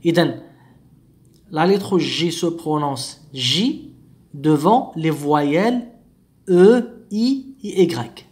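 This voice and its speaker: A man teaching a phonetics lesson, speaking slowly and repeating each sound and example with care. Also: on the high side, lively intonation, a little mellow. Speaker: French teacher.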